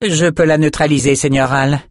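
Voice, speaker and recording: A man's voice: a little high, fairly even intonation, normal speed, dry recording, clean studio sound, voice pushed up, natural voice. A man voicing a fierce, insistent female warrior guard in an audiobook reading. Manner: eager, insistent.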